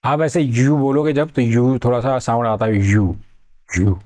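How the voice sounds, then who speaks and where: A man teaching a grammar lesson for exam preparation, explaining slowly, repeating words and acting out his students' questions. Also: medium pitch, fairly even intonation, darkish tone. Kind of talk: exam-prep grammar lecture.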